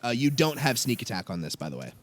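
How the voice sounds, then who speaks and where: A man's voice: mid-range voice, big pitch swings, quick pace, noisy background. A man narrating as game master of a tabletop role-playing game, hesitating often with ums and uhs.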